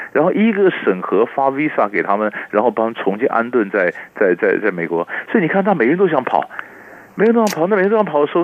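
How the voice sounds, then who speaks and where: Brief: male professor phoning in, fast and lively, phone-line sound. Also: fairly high pitch, no echo. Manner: animated, repeats words while building points. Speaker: political science professor, phone-in guest. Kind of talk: radio news analysis over the phone. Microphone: telephone.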